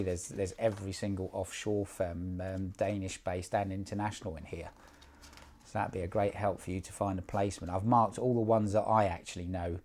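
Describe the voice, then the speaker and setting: In a casual one-on-one session, this job placement mentor talks through placement advice slowly and calmly, using many fillers like um and repeating words. His voice is very low and dark, staying nearly flat in pitch.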